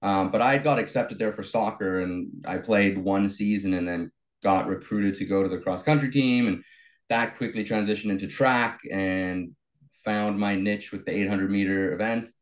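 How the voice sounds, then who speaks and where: A young man with a lowish voice, from South Africa, talking as a guest in a casual interview. He tells his story easily, pausing on fillers as he goes. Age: young adult. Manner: relaxed storytelling with many fillers. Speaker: guest, bodybuilder and coach.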